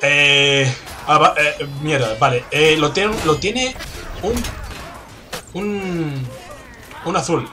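A man with a Spanish accent from Spain, commentating a game he is playing, excitable and swearing, with sudden loud outbursts. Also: a little high, drawn-out words, long pauses. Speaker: gameplay commentator. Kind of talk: let's play commentary. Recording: game music in background.

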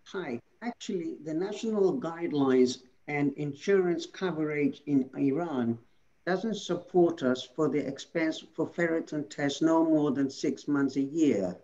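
Male webinar moderator reading questions aloud over a muffled video call, voice a touch high. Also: measured pace, warm tone. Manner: reads questions, brief acknowledgements.

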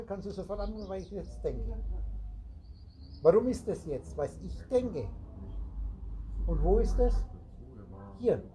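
A man's voice: high-pitched, noisy background. A man lecturing a small group as a spiritual teacher, rambling and playing on the roots of words while speaking straight to his listeners. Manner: rambling, wordplay on word roots, addresses listeners directly. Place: meeting room with a small group. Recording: recorded amid a chattering group.

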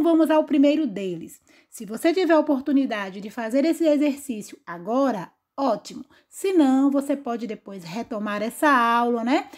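High-voiced Brazilian woman teaching online. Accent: Brazilian Portuguese. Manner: didactic, frequent tag questions. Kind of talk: online class lecture.

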